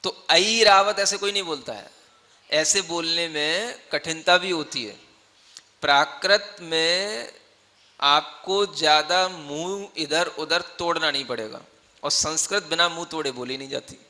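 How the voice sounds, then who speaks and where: Bright-voiced monk teaching in a reverberant hall. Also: male voice, on the high side, measured pace. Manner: keeps asking the listeners if they follow; explains patiently with everyday examples. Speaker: Jain monk teaching scripture. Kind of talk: classroom-style scripture teaching.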